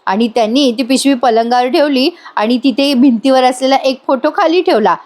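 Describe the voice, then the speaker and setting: A woman's voice: sits high, normal speed. Chatty woman recapping a serial. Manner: chatty storytelling with asides to listeners. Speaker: serial review narrator. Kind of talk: voice-over recap.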